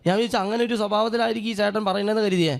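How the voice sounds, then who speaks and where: ഒരു പുരോഹിതൻ ഹാളിന്റെ മുഴക്കത്തിൽ, ഒരു അനുഭവകഥ പറഞ്ഞുകൊണ്ടുള്ള പ്രസംഗം. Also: male voice, high-pitched, steady tone, rapid-fire, vocal fry. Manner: earnest storytelling, acts out quoted speech. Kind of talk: sermon with a personal story. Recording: long hall reverb.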